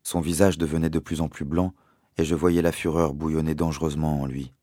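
A man with a very low, deep voice reads a story aloud. He tells it at a measured, deliberate pace, letting the words land. The recording is dry and close, with no room sound. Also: level tone, dark tone, dry recording. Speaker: narrator. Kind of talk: audiobook reading.

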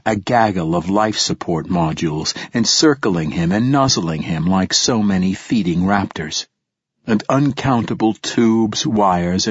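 A man reads an audiobook in a measured, even way, his voice low and husky. The recording is dry with no room sound, and slightly dull in tone. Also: no room sound. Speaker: audiobook narrator. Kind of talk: scripted narration.

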